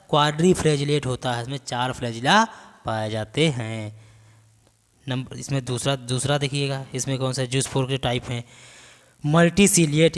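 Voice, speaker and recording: A male biology teacher giving an exam-prep lecture. He dictates notes slowly, then explains them and quizzes the class with repeated questions. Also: medium pitch, smooth, in a large hall.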